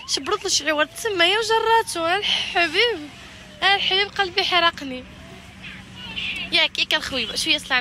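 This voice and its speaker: A woman's voice: high-pitched, noisy background. A woman in her twenties with a Moroccan Arabic accent, chatting casually into a phone held at arm's length while vlogging outdoors. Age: 20s. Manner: chatty, switching into English phrases. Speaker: travel vlogger. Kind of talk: casual vlog narration. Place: campsite and street market outdoors in China. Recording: loud background music.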